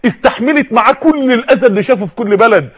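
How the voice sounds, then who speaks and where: A man with an Egyptian accent preaching an emotional sermon, swinging between hushed and loud and acting out the people in the story. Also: very high-pitched, animated, rapid-fire, lo-fi sound. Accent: Egyptian Arabic. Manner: acts out scenes and voices of people in the story.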